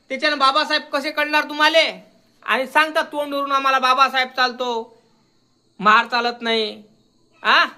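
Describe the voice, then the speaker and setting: A young man rants straight at his listener in a combative voice. His voice is strikingly high and piercingly bright. He keeps hammering his point and demanding that the listener understand him. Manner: combative, repeatedly demanding "got it?". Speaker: social media commentator. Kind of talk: confrontational video rant.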